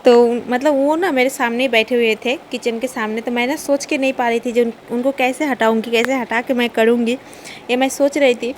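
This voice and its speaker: A woman's voice: on the high side, steady tone, brisk, a little hiss or hum. A young woman, talking through her day and cooking in a casual home vlog, chatty and often laughing. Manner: chatty, laughs while telling. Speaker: vlogger. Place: home kitchen.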